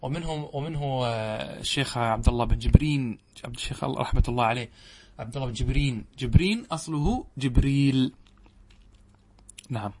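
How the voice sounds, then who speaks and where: A man's voice: medium pitch, noisy background. A middle-aged man, a religious scholar, teaching a classical Arabic grammar lesson, explaining patiently and checking that his students follow. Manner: reads quoted verses aloud slowly.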